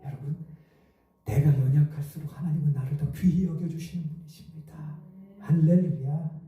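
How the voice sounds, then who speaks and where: Pastor, male, storytelling sermon; mellow, higher voice heard from a distance in a reverberant church. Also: steady tone, normal speed, lo-fi sound. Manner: storytelling, acts out quoted voices with rising emotion. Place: church sanctuary. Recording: echoey hall, mic at a distance.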